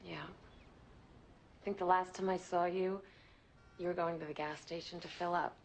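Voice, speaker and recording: A woman's voice: on the low side, fairly even intonation, unhurried, slight background noise. An actress playing a hurt woman confronting a former lover, pressing hard and often slipping into a whisper. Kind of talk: TV crime drama acting.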